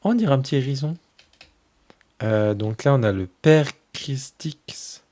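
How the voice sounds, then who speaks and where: Man, mid-range voice, relaxed tarot host, unhurried deck walk-through, soft and fond. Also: mid-range voice. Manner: gushes fondly over each card. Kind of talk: casual oracle deck flip-through.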